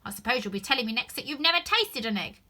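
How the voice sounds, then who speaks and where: A woman playing a shrill, scolding pigeon. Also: sing-song, fast, sharp tone, heavily acted. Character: fretful shrieking pigeon guarding its nest.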